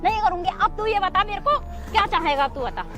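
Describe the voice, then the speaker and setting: A young woman playing a defiant wife who taunts and challenges her husband in a park, with loud music over her voice. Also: very high voice, expressive, brisk. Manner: combative, taunting, repeating challenges. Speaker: wife in a staged couple-fight skit. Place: outdoors in a park.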